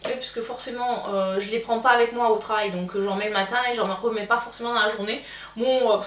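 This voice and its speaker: A woman's voice: a little high, a bit bright, recorded from a distance, slight background noise. Chatty woman vlogger in an echoey room. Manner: hesitant, many fillers and restarts. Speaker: beauty vlogger. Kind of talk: casual product review.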